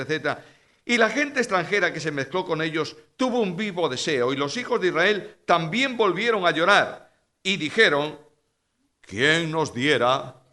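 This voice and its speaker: Animated Spanish preacher with lively voice. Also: male voice, a little high. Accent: Spanish (Spain). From Spain. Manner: animated, swings from quiet storytelling to loud emphatic preaching. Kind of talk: sermon.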